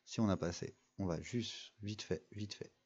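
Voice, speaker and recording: A man's voice: on the low side, moderate pace, darkish tone, husky, lo-fi sound. A young man giving casual, rambling commentary over a mobile game, full of fillers and restarts. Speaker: gaming video creator.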